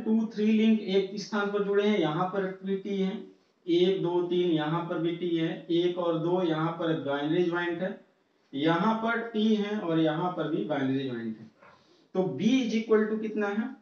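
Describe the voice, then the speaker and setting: A male engineering teacher lecturing with a slightly high voice and a slow, deliberate delivery. He counts through examples step by step, dropping English technical terms in as he goes. He is heard from well back in a very echoey room, with a muffled lo-fi sound. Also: darkish tone. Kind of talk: classroom lecture. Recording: far-off, roomy, muffled lo-fi sound.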